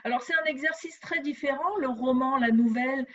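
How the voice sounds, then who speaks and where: Woman host asking questions, a bit high, muffled call audio. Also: a little fast. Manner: attentive, asks questions, fills with hmm and euh. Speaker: interview host. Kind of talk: conversational interview. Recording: dull lo-fi sound.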